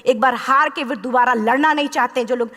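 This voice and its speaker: A woman's voice: high voice, a little fast, fairly bright tone. A woman in her thirties giving a motivational speech to a live audience, telling her story with passion and acting out the dialogue. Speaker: motivational speaker. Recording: long hall reverb.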